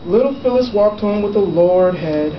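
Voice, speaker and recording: The author of a picture book, a man with a high-sitting voice and lively intonation, reads it aloud to children in a school classroom, stopping for casual asides about the pictures and questions. The lo-fi recording is echoey and distant, with the noisy room and children clearly audible.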